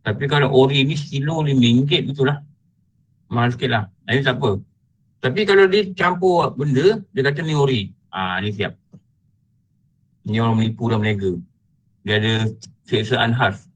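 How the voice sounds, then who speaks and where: A middle-aged man with a Malaysian Malay accent who teaches religion and gives a colloquial online lecture in a lively storytelling style, with big swings in pitch. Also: moderate pace, long pauses, low-quality recording.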